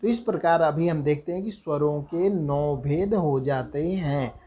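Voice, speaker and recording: Male university lecturer, unhurried and deliberate, poses questions to the class and chants sutras slowly. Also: on the high side, mellow, lo-fi sound. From India. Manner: slow, deliberate, chants sutras with drawn-out syllables; asks himself questions and then answers them. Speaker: Sanskrit grammar lecturer.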